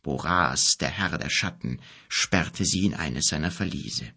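A man reading an audiobook, voicing a grave, gentle bearded wizard in a solemn, hushed, unhurried way. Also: rumbling low, pitched below the performer's own voice, exaggerated voice. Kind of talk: audiobook character voice.

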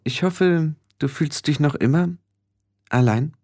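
Stern old witch, sharp and commanding, high and lively, read by a man in an audiobook. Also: moderate pace. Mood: hushed. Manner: firm, clipped commands. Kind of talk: audiobook reading.

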